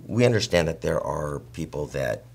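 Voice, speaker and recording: A man interviewing someone with long, frank statements, speaking deliberately and challenging politely. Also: extremely low pitch, expressive. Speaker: interviewer representing department members. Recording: clear background noise and hum.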